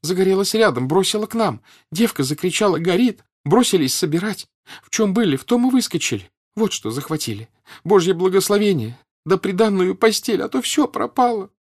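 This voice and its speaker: A man voicing a desperate middle-aged mother who wails and sobs in a shrill voice. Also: expressive, brisk. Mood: sobbing. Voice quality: sobbing, shrill.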